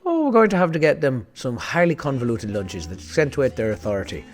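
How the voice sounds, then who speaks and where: A man's voice: medium pitch, very animated, fairly quick, pitched above the performer's own voice, lightly acted. A man voicing a smug, dismissive Irish studio executive in a put-on Irish accent, condescending and calling the listener "boy".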